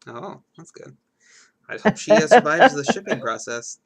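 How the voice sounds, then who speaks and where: A man's voice: fairly high pitch, very animated, moderate pace, gravelly, a crowd in the background. A man chatting as a guest on a miniature painting livestream. He is easygoing, chuckles often and trails off mid-sentence. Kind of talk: casual chat while painting on a livestream.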